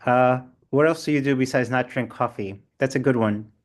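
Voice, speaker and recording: A man leads an online seminar discussion in a chatty, animated, playful way, reacting to participants and adding playful asides. His voice is medium-pitched, at a normal speed.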